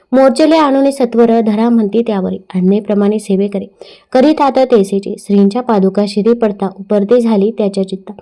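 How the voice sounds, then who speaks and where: Mellow woman reciting devotional verse. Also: medium pitch. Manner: steady recited verse cadence. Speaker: scripture reader.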